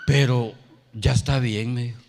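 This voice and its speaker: A male pastor preaching a sermon. He tells a personal story and rises to loud, emphatic calls. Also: mid-range voice, steady tone, normal speed, vocal fry, long reverb tail. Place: church sanctuary.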